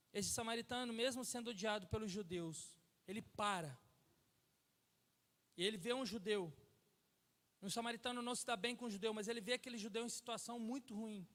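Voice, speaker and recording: A Brazilian man preaching a sermon as pastor, telling stories with acted-out dialogue and climbing to near-shouts at the peaks. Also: sits high. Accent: Brazilian Portuguese. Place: church hall. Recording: long church hall reverb.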